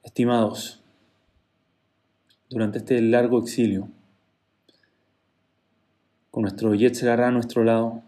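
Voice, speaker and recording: A man telling a parable as a sermon, acting out each character with lively swings in pitch and loudness. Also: slow, long pauses. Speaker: rabbi or teacher telling a parable. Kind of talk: animated parable storytelling.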